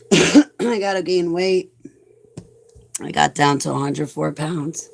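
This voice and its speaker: A woman in her forties vlogs with background noise around her, reading live comments and chatting casually, rambling and self-mocking with many "like"s. Her voice is low and gravelly, and her pace is slow.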